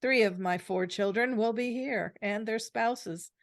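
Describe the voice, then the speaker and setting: A woman's voice: fairly high pitch, measured pace, no echo, clean studio sound. A middle-aged woman, mother of grown children, co-hosting a podcast and bantering casually with her daughter, laughing often. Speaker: podcast co-host. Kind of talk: casual chat.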